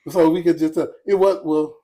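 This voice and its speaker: A man with a slightly high voice chats loosely on a podcast. He laughs through his stories, stops himself mid-thought and starts again. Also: steady tone, fairly quick, warm tone. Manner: laughing storyteller, trailing off and restarting. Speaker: podcast guest. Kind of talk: casual chat.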